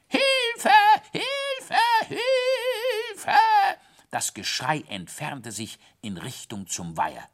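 A man narrating a children's story in the first person, with animated, dramatic delivery. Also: low voice.

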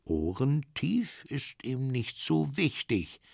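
A man's voice: mid-range voice, big pitch swings, slow, gravelly, a little mellow, slightly rough, no room sound, clean studio sound, exaggerated voice. A man voicing a naive, friendly male dragon in a children's story, asking earnest, ponderous questions.

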